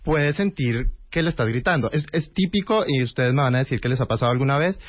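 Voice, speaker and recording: Guy explaining stuff on radio, calm, dry and kinda muffled sound. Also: mid-range voice, fast, slightly rough, dry recording. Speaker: hearing expert guest.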